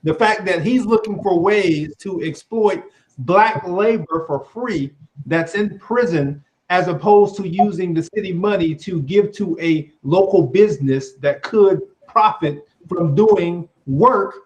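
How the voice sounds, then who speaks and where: Male moderator, high voice, slow and pointed delivery. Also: a little mellow, poor audio. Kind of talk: virtual panel discussion. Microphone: video call.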